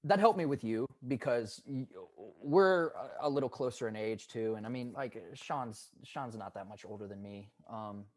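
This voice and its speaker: A man's voice: mid-range voice, moderate pace, few pauses, no room sound. A man in his twenties, a guest on a casual podcast interview, telling stories in an earnest, upbeat, hyped way. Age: 20s. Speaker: guest, pro paintball player.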